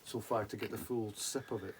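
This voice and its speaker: A man's voice: fairly low pitch, fairly even intonation, fairly quick. A man chatting casually and informally as a whisky reviewer, wandering and hesitant in his delivery. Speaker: whisky reviewer and show regular. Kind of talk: casual, rambling banter over drinks. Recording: clearly audible background noise with clicks.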